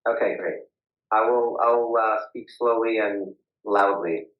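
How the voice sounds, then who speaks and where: A man's voice: lowish voice, fairly even intonation, a little slow. Man with muffled tin-can sound. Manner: hesitant, restarts with uh and um. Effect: muffled tin-can sound, as if talking into a can. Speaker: witness at a public hearing. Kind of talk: formal testimony with many fillers. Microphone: video call. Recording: echoey, dull lo-fi video call audio.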